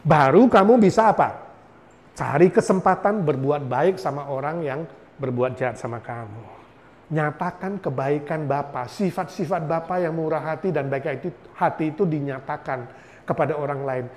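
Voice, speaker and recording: A male pastor preaching a sermon in an animated way, firing rhetorical questions and slipping in English phrases. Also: a little high, moderate pace, in a large hall, a little hiss or hum. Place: church sanctuary.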